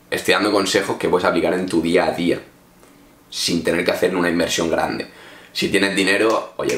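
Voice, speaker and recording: A man from Spain talks straight to his viewers in a loose, chatty vlog, handing out informal advice. His voice sits low. The room around him is echoey. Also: fairly bright tone. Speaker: English teacher vlogger. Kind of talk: casual advice talk to camera.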